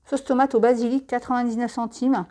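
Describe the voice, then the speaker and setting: A woman's voice: on the high side, level tone, fairly quick, dark tone. A French woman chatting through a supermarket catalogue, listing products and prices with friendly tips and asides. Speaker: catalogue presenter.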